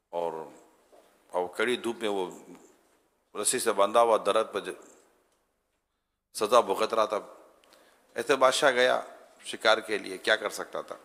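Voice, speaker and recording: A male religious scholar giving a storytelling talk, acting out the characters' voices as he goes. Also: fairly low pitch. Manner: animated storyteller who acts out voices. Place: studio. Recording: studio with long reverb.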